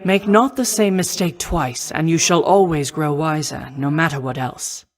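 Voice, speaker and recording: In scripted video game voice acting, a woman plays a noble, poised war goddess who acts as a protective, confident mentor. Her low voice is lightly acted, composed and encouraging, using formal, measured, archaic and stately phrasing.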